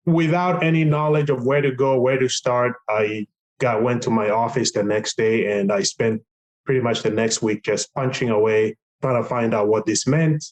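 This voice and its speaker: A middle-aged man from Tanzania, a patient advocate earnestly and reflectively recounting his experience, with frequent pauses and fillers. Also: medium pitch, low-quality recording. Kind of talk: recorded podcast testimony.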